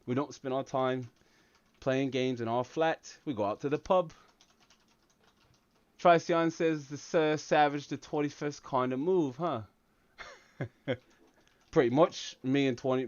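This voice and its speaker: An American livestream host doing a hammy mock-London accent, full of mates and chaps. The sound is slightly muffled. The room is dry, with no echo. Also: male voice, medium pitch, fairly quick, clean tone, close to an everyday voice. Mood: playful. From United States. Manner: hammy put-on accent with Brit slang. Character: American man faking a London English accent. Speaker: tech channel host.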